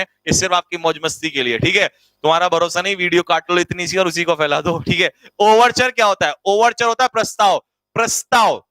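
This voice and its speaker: A man's voice: high voice, bright, forceful tone, no echo, low-quality recording. A man teaching vocabulary to a class. He teases the students and repeats each meaning so they can write it down. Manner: teasing, jokey, calls students beta and bhai. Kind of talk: classroom vocabulary lesson in Hindi.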